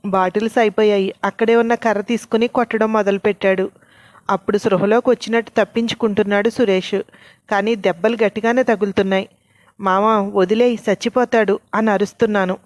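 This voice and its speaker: A woman narrating a story as a storyteller. She keeps an even delivery and reads all of the characters' lines herself. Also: medium pitch, quick pace, no room sound. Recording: dull, lo-fi and dry.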